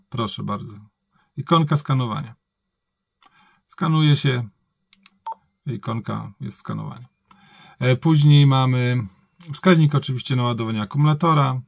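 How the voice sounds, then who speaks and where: A man with a low-pitched-to-middling, creaky voice walks through a gadget in an informal review. He thinks aloud and corrects himself as he goes. The sound is close and dry, with a husky edge. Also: dry recording. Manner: thinks aloud, colloquial, often self-correcting. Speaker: product reviewer. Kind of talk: casual hands-on gadget review, improvised.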